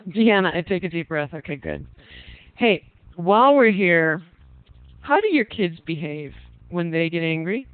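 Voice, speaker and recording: In an online parenting class, a man with a high, clear and resonant voice speaks at a measured pace, relaxed and conversational with frequent ums. He reads out the group's answers and poses questions to them over a dry, tinny, phone-like line.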